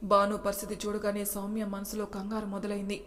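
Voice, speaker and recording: A woman storyteller reading a romance story aloud in a steady, even way. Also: medium pitch, quick pace. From Telugu-speaking India. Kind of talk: storybook narration. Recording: reverberant room.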